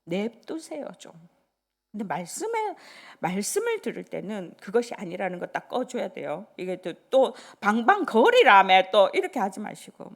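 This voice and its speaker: An older woman pastor preaching a sermon in an animated, conversational way, dropping into whispers between loud bursts. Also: medium pitch, normal speed, vocal fry, few pauses.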